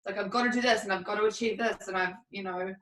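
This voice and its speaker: A woman in a relaxed podcast chat, open and rambling, with easy laughs in her talk. Her voice sits a little away from the mic. The room around her rings noticeably. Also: medium pitch, quick pace. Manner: rambling, candid, laughs often. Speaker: podcast co-host. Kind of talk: casual chat. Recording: roomy, a bit distant from the mic.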